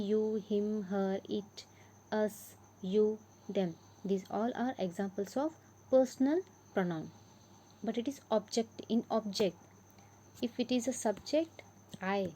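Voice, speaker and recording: A woman's voice: mid-range voice, mellow, rough recording. A woman with an Indian English accent teaching a grammar lesson, patiently repeating and stressing example words.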